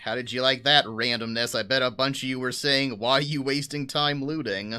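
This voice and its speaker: A man's voice: medium pitch, fairly even intonation, moderate pace, bright, forceful tone, clean tone. A man doing casual, chatty live commentary as he streams a video game.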